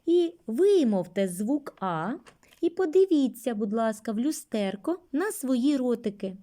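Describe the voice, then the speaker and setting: Female kindergarten teacher, slightly high voice, unhurried and gentle, clearly drawn-out words. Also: expressive. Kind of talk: speech lesson for small children.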